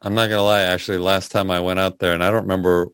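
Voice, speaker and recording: Chatty radio host, low dry voice. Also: male voice, level tone, rapid-fire, fairly bright tone, clear, resonant tone, dry recording. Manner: chatty, laughs easily. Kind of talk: casual radio talk.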